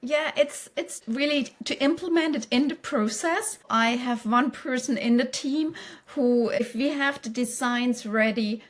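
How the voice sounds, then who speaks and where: A woman with a high-pitched voice speaks at a measured pace, answering conversationally as a company executive in a podcast interview. English isn't her first language.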